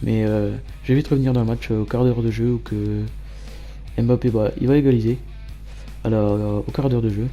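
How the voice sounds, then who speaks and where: A man giving matter-of-fact play-by-play commentary as a gamer over his own match highlights. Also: fairly even intonation, normal speed, dark tone, highs cut off, faint music behind. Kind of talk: gameplay commentary.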